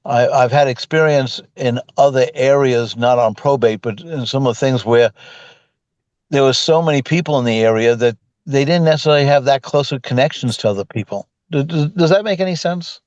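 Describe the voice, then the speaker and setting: A man new to real estate asking a question on a video call, halting and hesitant with many restarts. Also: mid-range voice, darkish tone, dry recording, muffled recording. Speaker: caller, new agent.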